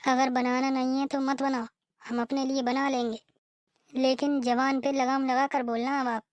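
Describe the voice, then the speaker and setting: A cheeky, defiant younger sister-in-law from a cartoon, played by a woman, high-pitched and sassy. She talks back in a fairly even tone, recorded dry and close. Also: moderate pace, no echo, close to an everyday voice. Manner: sassy, retorting. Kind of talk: cartoon voice acting.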